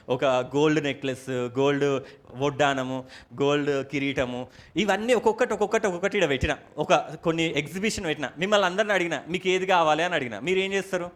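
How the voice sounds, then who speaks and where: A man's voice: fairly high pitch, fairly bright tone. A man preaching a sermon to his church in a Telangana Telugu accent, often putting questions to the congregation and mixing in English words. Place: church service.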